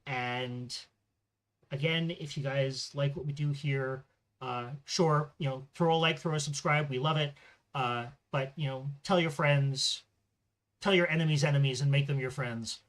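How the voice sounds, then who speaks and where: Tabletop game master and host, casual and unhurried. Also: mid-range voice. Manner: casual, relaxed, with filler words.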